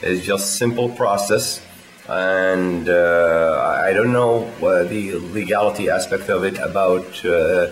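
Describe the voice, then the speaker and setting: A man from Iraq, talking in a casual video diary, halting and full of filler sounds. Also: low voice. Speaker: vlogger.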